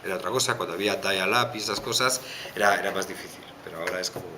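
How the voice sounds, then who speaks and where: Man, Basque Spanish accent, very low voice, hesitant interview answers, audible background noise. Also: racing. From Basque Country, Spain. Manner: thoughtful, hesitant, many fillers and restarts.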